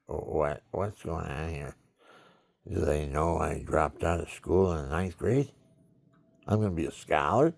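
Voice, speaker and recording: In a creaky, mellow voice that sits low, an older man tells his own stories in a loose, rambling monologue. He addresses viewers directly in a chatty way, voicing the people he quotes.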